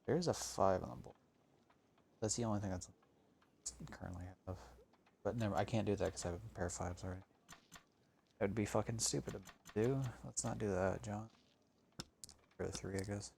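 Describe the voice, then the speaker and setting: Low gravelly man grumbling over a game. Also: fairly quick, pauses often, darkish tone, slight background noise. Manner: grumbling, swears often, thinks aloud. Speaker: gaming streamer. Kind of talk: casual gameplay commentary.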